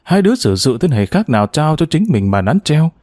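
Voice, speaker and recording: Brief: male narrator doing a calm, fatherly retired investigator in his sixties or older, dark, dry audiobook voice. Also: fairly high pitch, brisk, no room sound. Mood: coaxing. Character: retired male police investigator, older, patient and gently wry.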